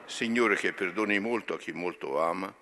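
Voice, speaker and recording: Deep-voiced priest solemnly intoning prayers. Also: male voice, normal speed, sharp tone, a little hiss or hum. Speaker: priest leading Mass. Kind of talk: liturgical prayer.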